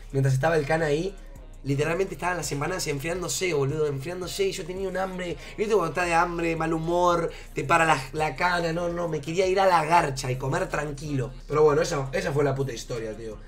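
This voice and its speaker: A young Argentine man streams to his chat in a high, quick voice and rambles through a story with lots of slang and repeated phrases. Faint music plays under his talk. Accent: Argentine Spanish. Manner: animated, slangy, rambling, often repeats himself. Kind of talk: casual storytelling to a live chat.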